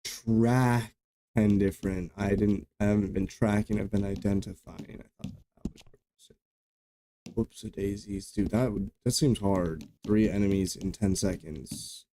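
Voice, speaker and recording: Low-voiced young gamer, casual and jokey. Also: male voice, fairly even intonation, unhurried, mellow, a little hiss or hum. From Arizona. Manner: casual, jokey, swears freely. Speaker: gamer streaming a playthrough. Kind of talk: let's play commentary. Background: game music and horse hooves.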